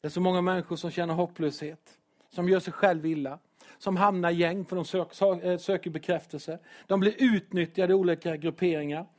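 A man preaching a sermon in church as pastor, earnest and emotional, at times loud and joking at his own expense. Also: high voice, fairly even intonation. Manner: earnest, emotional, sometimes loud with self-deprecating humor.

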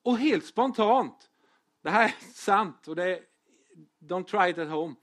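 Pastor, male, high voice, relaxed storytelling sermon with fillers. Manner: chatty storytelling with humor and fillers.

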